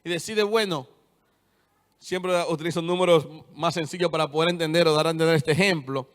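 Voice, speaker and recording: A man's voice: a little high, fairly even intonation, brisk. Young man preaching in a reverberant hall. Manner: retells scripture, then drives points home with firm repetition. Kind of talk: sermon. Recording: long church-hall reverb.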